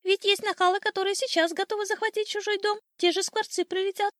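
A woman voicing a cocky, boastful old male sparrow in a storybook tale, shrill and teasing. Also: fairly even intonation, fast, a bit bright, no echo, clean studio sound. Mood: boastful chirpy.

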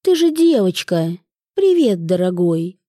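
Stylish middle-aged mother, brisk and mock-stern, read by a woman, warm dry read. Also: on the high side, big pitch swings, no room sound, voice pushed up.

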